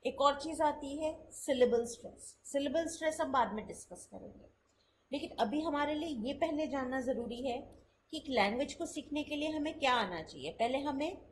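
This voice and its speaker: High-voiced woman teaching a language lesson. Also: expressive, slight background noise, rough recording. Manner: explains step by step in Hindi mixed with English; models sentences slowly for contrast. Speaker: English teacher. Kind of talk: spoken English lesson.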